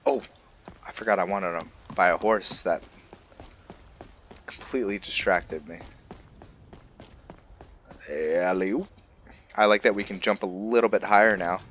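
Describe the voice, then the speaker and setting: A man with a low, slightly bright voice hosts a video game roleplay series, offering casual let's-play commentary and musing aloud in a laid-back way. He speaks at a measured pace with frequent pauses. The audio has its highs cut off and slight background noise.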